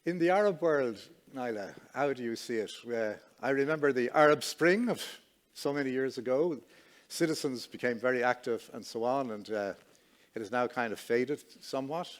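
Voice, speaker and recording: A man moderating a panel discussion, asking hesitant, halting questions. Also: mid-range voice.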